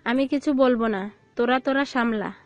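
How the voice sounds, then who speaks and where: A woman voicing a friendly, easygoing middle-aged mother who talks in a warm, welcoming way in an audio drama. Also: on the high side, normal speed, lo-fi sound, faint music behind, lightly acted. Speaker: voice actor. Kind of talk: Bengali audio love-story drama.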